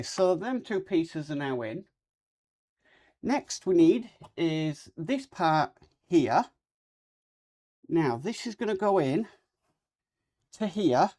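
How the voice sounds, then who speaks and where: A model-building host with a mid-pitched voice gives a casual, hands-on walkthrough of a build. The speaker is talking with a cold sore on the lip. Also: darkish tone.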